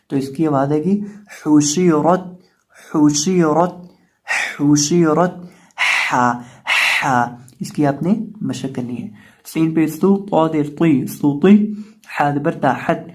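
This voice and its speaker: A man with an Urdu accent teaching Quran reading, explaining each letter patiently and repeating words slowly. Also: on the high side, dark tone. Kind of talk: step-by-step recitation lesson.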